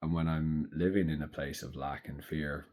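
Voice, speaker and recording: A man in his thirties speaking slowly and thoughtfully in a reflective personal monologue. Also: extremely low pitch, fairly even intonation. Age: 30s. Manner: slow, thoughtful, soft-spoken. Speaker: vlogger.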